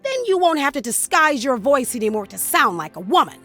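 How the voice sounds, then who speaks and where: A feisty, militant young fairy-tale girl from a cartoonish game. Her voice is very high and bright, swinging with brash, combative exclamations over faint music. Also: very animated, fairly quick. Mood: threatening.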